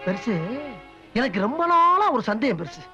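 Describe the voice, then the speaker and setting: A man's voice: very high-pitched, big pitch swings, moderate pace, bright, forceful tone, highs cut off, faint music behind. A man in a comedy sketch, teasing and chattering at an older man.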